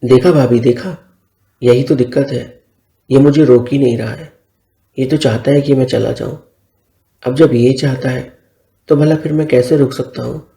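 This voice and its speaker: A man's voice: medium pitch, fairly even intonation, moderate pace, vocal fry, long pauses, mellow, natural voice. A man doing a sly teasing young friend. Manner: teasing, complaining playfully. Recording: roomy echo.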